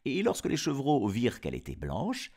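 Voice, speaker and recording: A man's voice: medium pitch, wildly swooping pitch, normal speed, darkish tone. A man narrating a fairy tale in a playful way, breaking off for wisecracking asides. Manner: playful, wisecracking, laughs at own puns. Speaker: storyteller. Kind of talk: storybook narration with comic asides.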